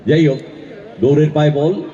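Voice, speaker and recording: A man's voice: fairly high pitch, steady tone, normal speed, warm tone. A man with a West Bengal Bengali accent giving live football commentary outdoors at a ground, with chatty asides. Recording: dull lo-fi outdoor PA, crowd behind.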